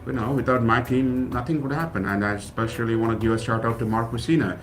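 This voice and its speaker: A South Indian college president whose first language is Kannada speaks earnestly and gratefully in a casual radio studio interview, often restarting his phrases. He talks fast in a mid-range voice with fairly even intonation, over music.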